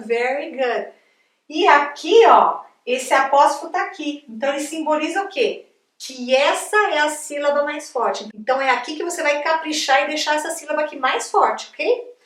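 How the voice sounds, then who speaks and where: In an echoey room, far from the microphone, this chatty Brazilian English teacher speaks at a normal pace with a high, fairly bright voice and lively intonation. Her Brazilian Portuguese accent comes through as she runs an upbeat, casual video lesson, repeatedly checking in with her audience.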